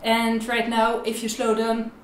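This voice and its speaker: This young adult violin teacher's tutorial to camera is informal and explanatory, her phrasing slightly non-native. She speaks in a fairly high, monotone voice, unhurried, with loud music behind her. The space echoes, and violin playing appears at times.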